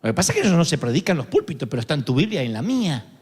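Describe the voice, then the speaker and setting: A male pastor with a Rioplatense accent preaches with ironic humor and lively storytelling. His voice sits high for a man and leaps up and down through each phrase. A long reverb from a large church auditorium follows his words. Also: rapid-fire, slightly rough. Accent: Rioplatense Spanish. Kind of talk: sermon.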